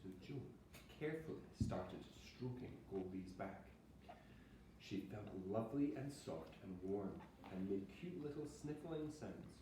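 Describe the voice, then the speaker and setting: With a lowish, warm voice, a man patiently teaches primary pupils, explaining words in simple terms, reading short examples aloud and offering encouragement. A distant mic captures him in an echoey classroom with faint noise.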